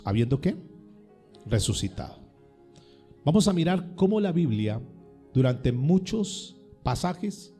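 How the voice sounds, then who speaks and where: Male pastor, emphatic questioning sermon, husky and gravelly. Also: medium pitch, dark tone. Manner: questioning the congregation, emphatic, repeats words.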